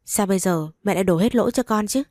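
A woman's voice: mid-range voice, fast talker, dry recording, studio quality, lightly acted. A woman voicing a whiny, bratty young sister-in-law in a storybook reading. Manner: whiny, shouting.

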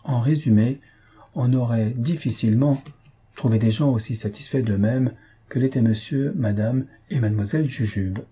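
A man reading a classic story aloud in an even, measured narration. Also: mid-range voice, husky. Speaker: audiobook reader. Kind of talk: scripted narration.

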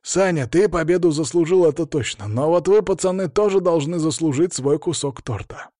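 A man reading an audiobook, voicing a brash, jokey young male friend who acts as a referee and talks in a loud, upbeat, chummy way. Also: on the high side, normal speed, no room sound, studio quality, pitched above the performer's own voice, lightly acted. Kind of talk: audiobook character voice.

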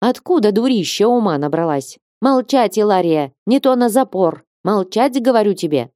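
A woman voicing a stern older nun who shouts loud scolding orders. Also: medium pitch, moderate pace, no room sound, studio quality, close to an everyday voice.

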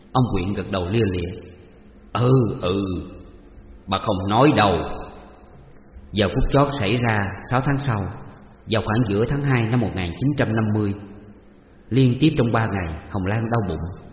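Low-voiced male storyteller. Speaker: narrator. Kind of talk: storytelling reading. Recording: dull echoey recording with long reverb and faint hiss.

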